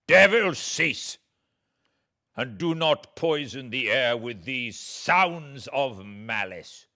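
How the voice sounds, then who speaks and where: Man playing a furious, high-strained defiant gentleman. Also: animated, takes it slowly, full character voice. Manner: shouted, impassioned, declamatory. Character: anguished, defiant, furious gentleman confronting his enemy. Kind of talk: dramatic audiobook reading of classic novel.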